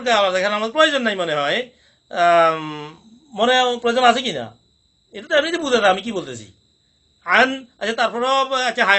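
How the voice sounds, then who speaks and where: Guy teaching quran sounds, high bright voice, says each one slow and over again. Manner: drills sounds slowly with repetition, coaxing. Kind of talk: recorded lesson teaching pronunciation.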